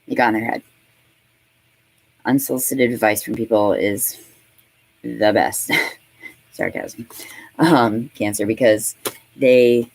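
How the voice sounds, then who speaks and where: A woman's voice: rumbling low, low-quality recording. A woman in her thirties giving a casual tarot reading, chatty and profane, laughing often and talking with plenty of fillers. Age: 30s. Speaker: tarot reader.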